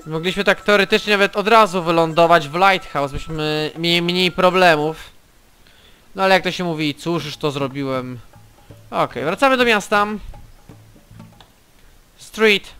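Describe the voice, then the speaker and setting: Man, high bright clear voice, unhurried let's-play commentary, taunts foes, faint music under. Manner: swears and taunts enemies while playing. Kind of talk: casual gameplay commentary.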